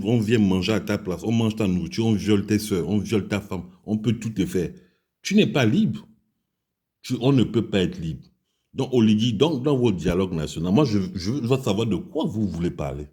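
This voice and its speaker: Here the male commentator's voice is lowish and mellow with a breathy edge, animated but at a normal speed. Speaking with a Gabonese French accent, this man from Gabon recounts a crude, angry story of his own and denounces the country's leadership, repeating himself heatedly.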